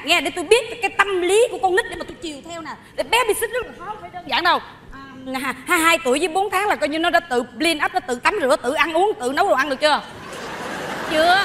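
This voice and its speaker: A woman playing a boastful, unhinged hired nanny in a stage comedy sketch, loud and bossy, often laughing as she talks. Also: extremely high pitch, fast, a crowd in the background. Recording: live stage audio with audience.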